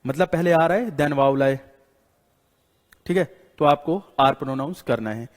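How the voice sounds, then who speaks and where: A man with an Indian accent teaches an English class, writing on the board, repeating each rule and firing questions at his students. His voice sits a bit high for a man. It rings with a long reverb from the hall around him. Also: a little slow. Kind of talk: classroom lecture in Hindi.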